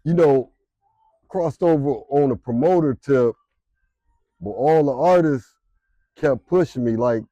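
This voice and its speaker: Man, interview guest; relaxed, slangy delivery, warm low tone, dry close sound. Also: a little slow, pauses often, no echo, lo-fi sound. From Detroit, Michigan. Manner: laid-back, slangy, trails off with fillers. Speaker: interview guest, music promoter and rapper. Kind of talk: casual interview.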